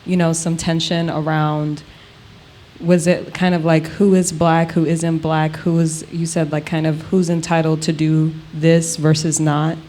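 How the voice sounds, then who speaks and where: A woman's voice: low voice, little pitch movement, a little slow, dark tone. A woman interviewing in a thoughtful, conversational style, feeling her way tentatively through her phrasing.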